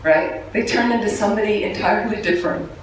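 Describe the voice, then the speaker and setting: A woman's voice: medium pitch, quick pace, distant mic, a little hiss or hum. Woman teaching in a very echoey room. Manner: conversational, humorous, asks the audience questions. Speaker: Buddhist nun and teacher. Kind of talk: dharma talk to a live group. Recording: echoey room, voice from away from the mic, faint background ambience.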